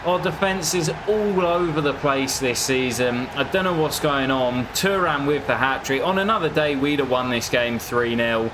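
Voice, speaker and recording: A man's voice: medium pitch, expressive, normal speed, hardly any pauses, noisy background. A man giving commentary over his own football video game career, breaking into exasperated outbursts when things go wrong. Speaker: gaming YouTuber. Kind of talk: gameplay commentary.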